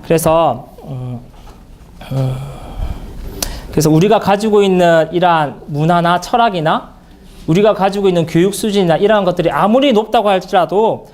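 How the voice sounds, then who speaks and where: A man speaking at a church Bible seminar in an earnest, halting way, with many fillers and restarts. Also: high voice, darkish tone.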